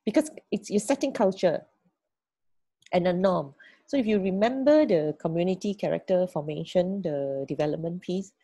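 Low-voiced woman leading a video call. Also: expressive, normal speed, mellow, husky, dry recording. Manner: repeats words while thinking, checks in with "right?" and "okay?". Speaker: team leader. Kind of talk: online team meeting briefing.

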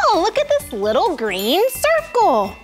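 Wide-eyed kids' show explorer; squeaky high, slow and lilting, full of gasps. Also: female voice, heavily acted. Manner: wide-eyed, gasping, giggly. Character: bubbly curious young woman explorer. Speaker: children's show presenter. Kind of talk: kids' TV presenting.

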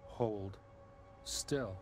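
A man's voice: lowish voice, very slow. A middle-aged man playing a tense, menacing small-town sheriff in a video game, giving clipped commands. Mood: stern, menacing. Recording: game audio under music.

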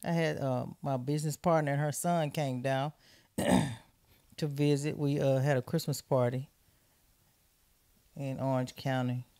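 A woman co-hosting a casual podcast, chatting in a relaxed, playful way. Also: rumbling low, measured pace, pauses often. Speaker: podcast co-host.

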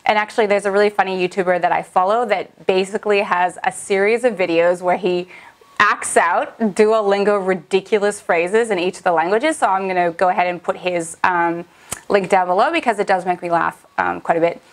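A woman's voice: medium pitch, steady tone, fairly quick. A young woman vlogging in a casual, upbeat way as she reviews a language app, chatty and full of little fillers.

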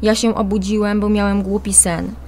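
A woman voicing the youngest little boy of a family in a storybook reading, soft and plaintive. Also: mid-range voice, little pitch movement, normal speed, slight background noise, natural voice. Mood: earnest. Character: small frightened young boy, the youngest child.

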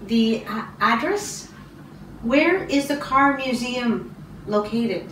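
Slow, patient Canadian-born teacher, roomy room. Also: female voice, on the high side, lively intonation, a bit bright, slight background noise. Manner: many ums and throat clears, encouraging. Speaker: English teacher giving a speaking test. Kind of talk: slow, patient test interview. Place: small classroom office, indoors. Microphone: far camera. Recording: roomy, distant camera sound.

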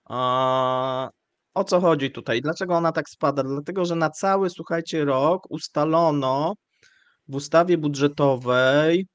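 A man hosting live economic commentary, speaking in a measured, hesitant way with frequent fillers. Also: fairly high pitch, smooth, no echo, muffled recording. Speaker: show host.

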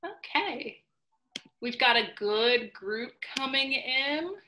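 A woman's voice: high voice, expressive, slow pace, sharp tone, reverberant, a little hiss or hum. A woman hosting a live online cooking class on a video call, chatty and upbeat with lots of fillers. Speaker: host.

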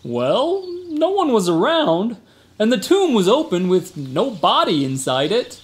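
Playing a tough-guy security guard who brags, dodges, and fibs as a male cousin in a comic radio drama, this man speaks in a folksy, slangy, exaggerating style. His earnest, indignant delivery is high-pitched, heavily acted, a little slow, and full of huge pitch swings.

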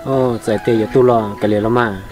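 A woman putting on a very deep, gruff voice for a character in a drama. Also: fairly even intonation, quick pace, a little mellow, soft background music. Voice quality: very deep, put-on low voice. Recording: distant from the mic.

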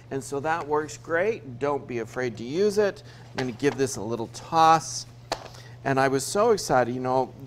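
Lively chatty man cooking on TV. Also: medium pitch, slight background noise. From Utah. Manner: chatty, explains each step while cooking. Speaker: TV cooking show host. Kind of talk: cooking demonstration. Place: TV studio kitchen set.

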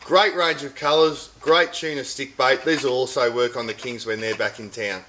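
A man's voice: medium pitch, fairly even intonation, normal speed, bright, forceful tone, a little hiss or hum. A middle-aged Australian man hosting a weekly fishing report from inside a tackle shop, chatting about catches and specials in an upbeat sales patter. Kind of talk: casual product and fishing report. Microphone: camera at close range.

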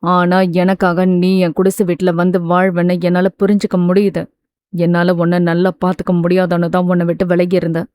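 A woman voicing an intense, stern young man in a romance audiobook, speaking low and pressing. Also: completely flat delivery, brisk, darkish tone, close to an everyday voice. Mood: earnest.

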